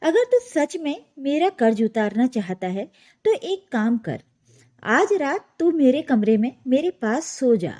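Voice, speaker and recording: Woman doing a gentle elderly mother. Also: high voice, full character voice. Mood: tender. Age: older. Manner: soft, tender.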